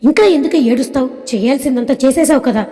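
A woman's voice: high voice, quick pace, mellow, lightly acted. A woman voicing an arrogant, rich middle-aged mother who scolds and insults a young woman. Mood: scolding. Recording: long reverb.

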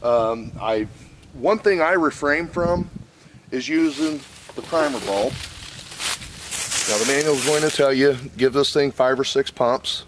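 The older man in this clip hosts a channel and reviews a chainsaw, explaining and demonstrating it casually in a wooded lot. He speaks in a folksy, plain style with fillers, unhurried and pausing often. His mid-range voice comes through a camera mic over background noise.

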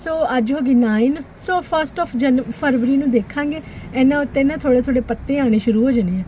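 High-pitched chirpy Punjabi woman vlogger. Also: brisk, mellow, a little hiss or hum, poor audio. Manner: chirpy, exclaiming, mixes English phrases into speech. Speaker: daily vlogger. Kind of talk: casual home vlog chat.

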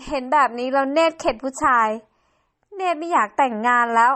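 Brief: a high, sweet, tearful young daughter in a game drama, voiced by a woman. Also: a little fast, fairly bright tone. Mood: sad.

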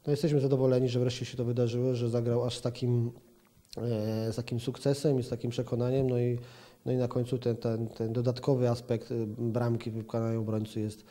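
A man in his forties, a football pundit, answers questions in a TV sports interview, hesitating with plenty of fillers and restarts. His voice is mid-range and warm, with little pitch movement and a slightly fast pace. He's in an indoor office room with a plant, speaking into a handheld reporter's mic held toward him.

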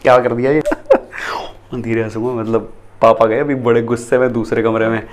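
A young man vlogging at home into a handheld camera, talking in a rapid, breathless way and repeating himself. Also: medium pitch, little pitch movement. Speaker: vlogger pranking his parents. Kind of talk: excited to-camera vlog talk. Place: family home indoors.

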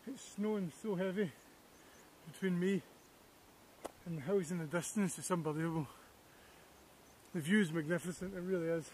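A man's voice: sits high, normal speed, darkish tone, slight background noise. Scottish man vlogging on a hilltop. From Scotland. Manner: enthusiastic, reflective, talks to camera while walking. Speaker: landscape photographer vlogger. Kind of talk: outdoor walking vlog. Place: hillside outdoors in snowy weather.

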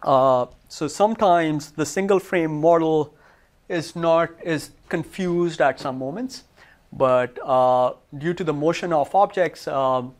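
A man with a fairly high voice gives a technical lecture in a lecture room. He walks his listeners through results on his slides in an explanatory way. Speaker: research presenter.

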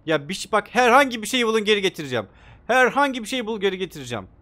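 A young man playing a video game, commenting excitedly and joking as he talks to the characters on screen. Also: high-pitched, racing. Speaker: gaming YouTuber. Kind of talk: let's play commentary.

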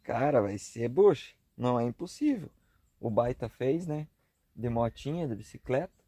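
Holding the camera at arm's length, an easygoing southern Brazilian man vlogs at an outdoor campsite on a grassy hilltop, after an earlier stretch in a car at night. He speaks with a Rio Grande do Sul accent in an expressive, dark-toned, medium-pitched voice at normal speed, chatting casually with frequent tag questions, and there's no room sound.

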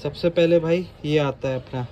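This Indian man, a vlogger and host, speaks at a moderate pace in a somewhat high, darkish voice. He records himself on a handheld action camera in a cramped indoor motorbike accessory shop, casually walking viewers through things and going over the main points again. Background noise in the room is plainly audible.

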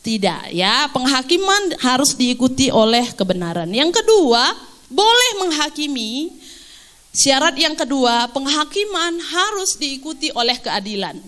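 A woman pastor preaching a sermon, lively and animated, acting out quotes and laughing along. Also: high-pitched, unhurried.

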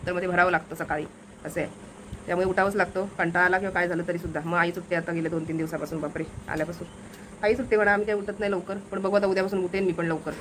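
A woman's voice: on the low side, a bit bright, a little hiss or hum. A young woman chatting to viewers in a casual home vlog, walking around her village house courtyard with a phone camera. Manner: chatty, addresses viewers directly, coos at a pet. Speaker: vlogger.

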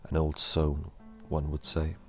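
A man narrating a horror story in a slow, measured storytelling delivery. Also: rumbling low, completely flat delivery, fairly bright tone, soft background music.

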